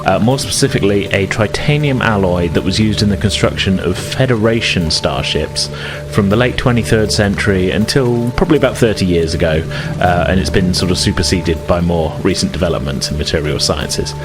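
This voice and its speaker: With loud music and rain effects behind him, a man runs a tabletop roleplaying game as game master. His low-pitched, fairly quick narration is conversational and a bit hesitant as he makes things up.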